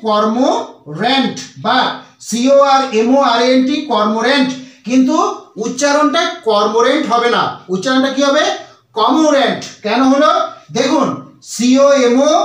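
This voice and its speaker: A man, teaching English translation slowly, repeating himself and spelling words out letter by letter. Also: very high voice, heavy reverb, distant mic.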